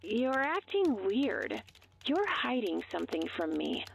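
Man doing a high squeaky game girl, timid, worried and bouncy. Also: huge pitch swings, slow, creaky, lo-fi sound, a little hiss or hum, full character voice. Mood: suspicious. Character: timid young female game character.

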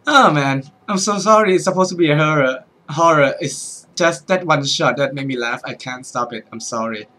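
A man's voice: a little high, moderate pace, hardly any pauses, pushed and bright. A young man giving let's-play commentary, full of startled exclamations and swearing. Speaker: gaming YouTuber.

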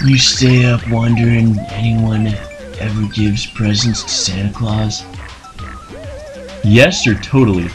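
A man's voice: fairly low pitch, steady tone, slow pace. A man voicing a spacey, laid-back male stoner bomb creature in a video game, drawling slangy lines and tossing in made-up explosion noises, with game music playing behind.

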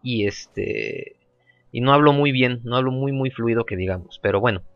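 A gameplay commentator chats casually at a moderate pace, his medium-pitched voice relaxed and prone to repeating phrases. He has a sore throat and keeps clearing it. The recording sounds muffled.

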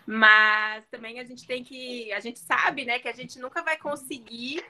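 A woman's voice: fairly high pitch, steady tone, a little slow, bright, forceful tone. A woman teacher giving earnest, encouraging advice to students in a panel talk, with hesitant restarts.

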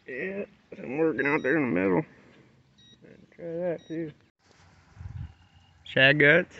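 Gravelly man chatting on a river boat. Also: on the high side, takes it slowly, highs cut off. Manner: folksy, plain-spoken. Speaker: fishing vlogger. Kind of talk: casual fishing commentary. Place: small boat on a river, outdoors.

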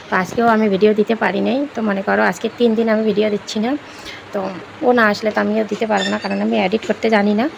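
A woman's voice: mid-range voice, creaky, noisy background. A woman in her thirties chatting casually to her phone at home, running her sentences together with a filler word. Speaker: home vlogger. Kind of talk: casual home vlog chat. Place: home, indoors.

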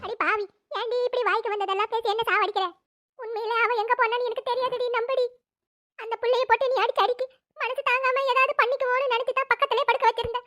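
A woman voicing several middle-aged village women, mothers and a grandmother, with a high thin voice, scolding and wailing dramatically in a cartoon. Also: level tone, quick pace, fairly bright tone, dry recording, studio quality, faint music behind. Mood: pleading. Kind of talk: Tamil cartoon voice acting.

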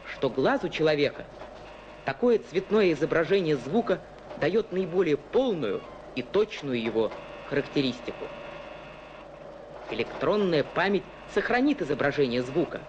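Casting: male science-film narrator, fairly high and lively, explanatory, dull old soundtrack with loud music. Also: background noise. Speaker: presenter and narrator.

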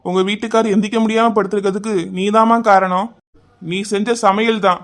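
A man's voice: high voice, flat delivery, a little fast, a bit bright. Man voicing a stern cartoon doctor. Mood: grave. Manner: grave, lecturing. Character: stern village doctor, middle-aged man.

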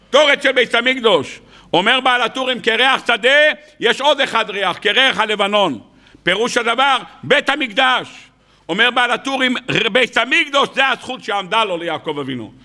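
A man giving a weekly sermon as a rabbi, firing rhetorical questions and acting out dialogue with playful mockery. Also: very high voice. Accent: Israeli Hebrew. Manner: animated, acts out quoted dialogue.

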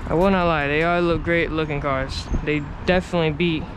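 A young man with a fairly high, steady voice talks a little fast in a casual vlog, laid-back and swearing freely as he looks over cars. He films outdoors at a car lot and inside a truck cab, with traffic and wind noise in the background.

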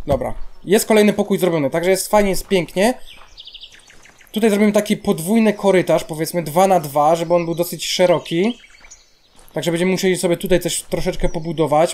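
A man's voice: fairly high pitch, darkish tone. A young man speaking with a Polish accent, casually commentating a building game, chatting to himself and bursting into exasperated outbursts at the game. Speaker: let's play gamer.

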